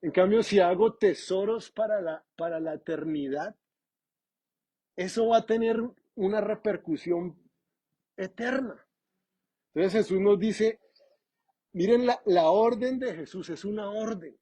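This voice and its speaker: Husky, high-voiced male preacher. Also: measured pace, long pauses. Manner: animated, conversational preaching with humor. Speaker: pastor. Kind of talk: sermon.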